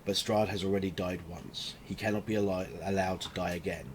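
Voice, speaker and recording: A man voicing a gaunt undead knight in a tabletop game, bitter and threatening, with a deep gravelly growl and solemn archaic speech. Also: fairly even intonation, a little fast, a little hiss or hum, close to an everyday voice. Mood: grim, vengeful. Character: gaunt undead knight revenant, embittered, doomed and vengeful.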